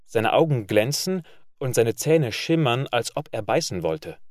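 A man narrating a literary story in a measured reading voice. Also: mid-range voice, sing-song, no echo, clean studio sound. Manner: measured reading, loud barked commands for characters.

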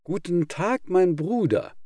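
A man's voice: high-pitched, animated, takes it slowly, mellow, husky, no echo, pitched above the performer's own voice, full character voice. A man doing a cheeky indignant donkey. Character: cheeky male donkey, offended acquaintance.

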